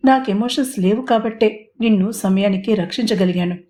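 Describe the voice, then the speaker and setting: A composed young male police officer in a romantic audio storybook, steady and measured with a dry teasing edge, as a woman narrator reads him. The voice is mellow and warm. He sounds in control even when provoked. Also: medium pitch, lightly acted. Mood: calm.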